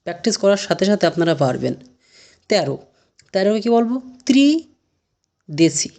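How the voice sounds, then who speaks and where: A woman teaching a language lesson, asking a question and then answering it, repeating each word slowly. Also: mid-range voice, expressive, gravelly, darkish tone. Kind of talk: slow spoken language lesson.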